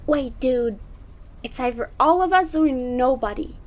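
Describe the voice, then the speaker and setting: A woman plays a bold, loyal little monster boy in an audio drama. The voice is high and excitable, on a slightly dull recording with faint noise. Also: a little slow. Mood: eager, urgent. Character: eager, bold, loyal young male monster kid.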